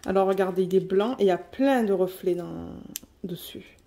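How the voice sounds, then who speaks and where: A woman vlogging an unboxing in a quick, chatty way, reading out color numbers at home. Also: medium pitch, vocal fry, mellow, a little hiss or hum. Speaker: diamond painting vlogger. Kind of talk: casual unboxing chat.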